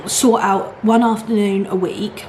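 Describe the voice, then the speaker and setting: A woman's voice: mid-range voice, steady tone, measured pace, a little mellow. Chatty woman in an echoey room. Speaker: mukbang vlogger. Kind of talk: casual chatty rant to camera. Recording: echoey room, clear background noise.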